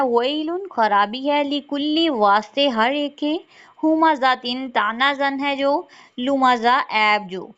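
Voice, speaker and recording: A woman teaching Quran recitation rules patiently, saying words slowly and repeating them. She often checks in with "theek hai" and. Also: medium pitch. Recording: dull lo-fi sound.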